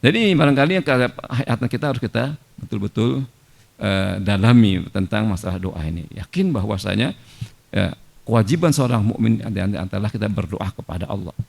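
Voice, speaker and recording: Gravelly-voiced man preaching. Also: on the low side, expressive, moderate pace, darkish tone. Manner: conversational preaching with Arabic quotations. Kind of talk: sermon. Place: mosque.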